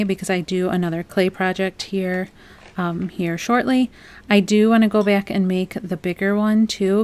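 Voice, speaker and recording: A young adult woman hosting a home crafts channel, talking through a project in a relaxed, chatty voice-over with frequent "um"s. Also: mid-range voice. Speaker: DIY crafts channel host. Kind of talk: casual voice-over tutorial.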